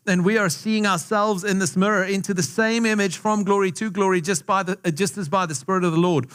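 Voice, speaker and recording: High-sitting and fairly bright, the man's voice carries a conversational sermon through a church hall to a live congregation. The South African pastor, whose accent has picked up some American, asks the listeners questions and repeats phrases for emphasis.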